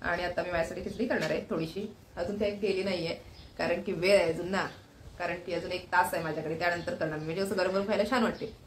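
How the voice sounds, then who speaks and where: A woman's voice: lowish voice, fairly even intonation, quick pace, slight background noise. A woman from Maharashtra chatting casually in a home vlog, keeps pointing things out to viewers. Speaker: vlogger.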